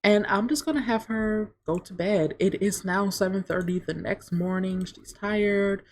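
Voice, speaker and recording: A woman's voice: medium pitch, unhurried, slight background noise. A woman hosting a let's play, chatting casually and storytelling as she narrates her game. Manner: chatty, storytelling, says "like" a lot.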